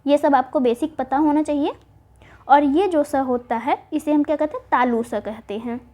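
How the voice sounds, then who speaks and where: A woman teaching Hindi spelling for exam prep, spelling words out slowly and answering her own questions. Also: sits high, mellow. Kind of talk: online exam-prep lesson.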